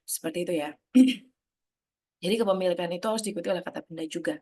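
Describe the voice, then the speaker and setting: A woman's voice: fairly low pitch, fast, warm tone. A woman giving an online grammar lesson, explaining step by step, putting questions to her students and dropping English terms into her talk. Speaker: English teacher.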